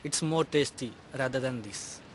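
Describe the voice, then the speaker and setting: A man's voice: mid-range voice, normal speed, a little hiss or hum. A man from India, answering street interview questions hesitantly with many fillers and restarts.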